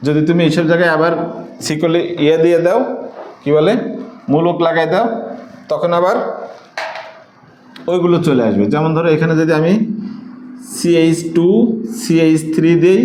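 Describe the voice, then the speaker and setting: A man's voice: on the high side, darkish tone. Man, chemistry teacher, answers his own questions, echoey room. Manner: asks students questions and answers them himself. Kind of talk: whiteboard lecture.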